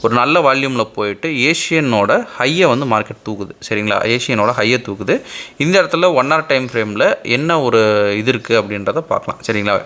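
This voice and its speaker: A man with an Indian Tamil accent teaches trading in an informal screen-share tutorial, walking through each step and often checking that listeners follow with short tag questions. His medium-pitched voice is expressive, bright, and forceful, and he talks a little fast.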